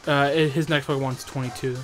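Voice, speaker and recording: A man's voice: mid-range voice, steady tone. A young man co-hosting a casual gameplay commentary, teasing his friend and swearing constantly. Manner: teasing, heavy swearing, quick banter. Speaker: let's play co-host. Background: game music.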